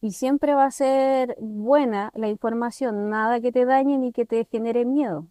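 Animated Chilean woman, mellow tone. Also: on the high side, measured pace, no room sound. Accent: Chilean Spanish. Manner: animated, acts out remembered dialogue. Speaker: guest. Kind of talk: conversational storytelling.

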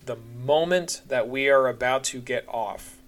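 Speaking a little slowly at medium pitch, a man narrates a podcast about things that have happened to him. His storytelling is casual, frank, and laced with wry humor.

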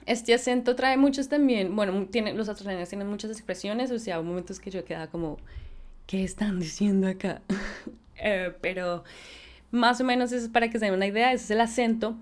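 A Colombian woman chatting straight to camera in a relaxed vlog. Her voice sits in an ordinary middle range, and her talk is loose and friendly, with English phrases slipped in here and there. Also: mid-range voice. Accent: Colombian Spanish. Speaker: vlogger.

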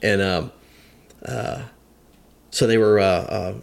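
Taking it slowly in a creaky voice on the low side, this veteran firefighter in his fifties recounts a long story during a podcast chat. He rambles, hesitates, restarts many times, and acts out what people said.

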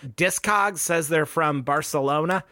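A co-host of a music podcast talks loosely in an unhurried, highish voice that sounds pushed and bright, recorded without echo. His casual music chat is full of fillers, restarts and swearing.

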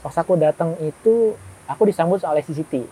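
This guest storyteller is a young man whose voice sits on the high side, fairly quick and slightly rough. Telling a horror story casually, he performs each line of dialogue with animation. It's a low-quality recording.

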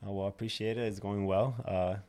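A man from the Dominican Republic, a barber and shop owner, talks through his story in a casual interview. His voice is low, and his delivery is easygoing and unhurried, with plenty of you knows and uhs. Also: steady tone, a little mellow. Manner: easygoing, loose with fillers like you know and uh.

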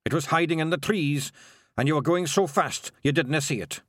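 A man's voice: on the high side, fairly quick, no room sound, clean studio sound, voice pushed up, lightly acted. A man voicing a boastful little male pixie chieftain with a Scottish accent. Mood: gruff.

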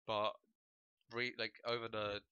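A young man from Poland who grew up speaking Polish chats casually on his livestream, his voice on the low side with a clean tone and measured pace. The streamer and podcast host is relaxed and rambling, full of "like" and "bro." The recording is dry, with a dull lo-fi home mic sound.

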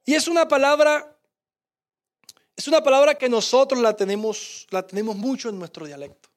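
A man preaching a sermon as pastor, impassioned, dropping to a hush when he quotes Jesus. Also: very high voice, moderate pace.

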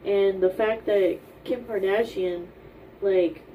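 A woman's voice: mid-range voice, fairly even intonation, slow pace, dull audio. A young woman co-hosting a podcast in casual chat, speaking in an informal, matter-of-fact way. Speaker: podcast co-host. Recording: distant mic, faint background noise.

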